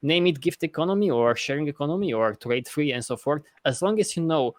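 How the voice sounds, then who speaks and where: A man from Romania, arguing his point earnestly in a casual podcast discussion, often halting to rephrase. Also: on the high side, animated, no echo, clean studio sound. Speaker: podcast host.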